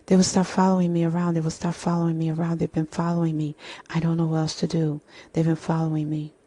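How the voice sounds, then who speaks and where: A woman's voice: low voice, flat delivery, quick pace, mellow. A woman voicing a frantic, paranoid young woman who urgently repeats herself.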